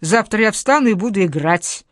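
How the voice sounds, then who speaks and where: A desperate sick gambler, as a woman reader puts him on, talks in a hoarse, strained way. He pleads and pushes in a raised voice. The sound is dry and close. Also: medium pitch, expressive, moderate pace, dry recording, natural voice. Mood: despairing. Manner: pleading, agitated. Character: feverish sick male gambler, desperate and stubborn. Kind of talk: audiobook character voice.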